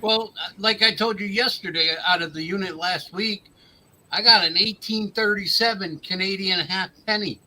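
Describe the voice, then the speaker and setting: A man's voice: high-pitched, normal speed, bright, forceful tone, poor audio. A man in his fifties in a casual chat, joking and going into detail. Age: 50s. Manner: joking, chatty, detailed about his finds.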